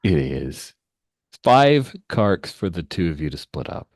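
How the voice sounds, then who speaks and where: A man's voice: deep voice, sing-song, a little slow, no echo, studio quality. A man talking casually as game master of a tabletop game.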